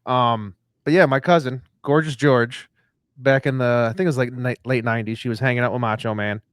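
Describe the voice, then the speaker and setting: A man in his forties hosting a podcast, telling stories in a casual, animated way. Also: medium pitch, brisk, clean tone, no room sound, clean studio sound. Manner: animated storyteller, acting out quotes. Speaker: podcast host.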